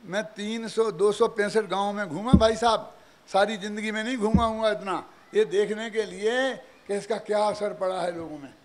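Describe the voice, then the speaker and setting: Older Indian preacher, high and animated. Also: male voice, moderate pace. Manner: animated, rhetorical questions, chuckling asides. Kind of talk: religious discourse.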